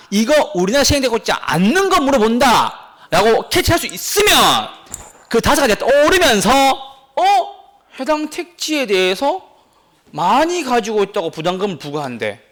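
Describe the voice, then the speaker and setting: A man teaching a real estate exam class, lively and teasing as he keeps putting questions to his students. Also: very high voice. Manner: animated, teasing, asks the class many questions.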